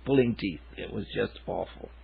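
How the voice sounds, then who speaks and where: An older man from Wales with a gravelly, somewhat low voice. He rambles through relaxed anecdotes, pausing on fillers. The sound is narrow and phone-like. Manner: rambling, hesitant storyteller with many fillers. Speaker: songwriter guest.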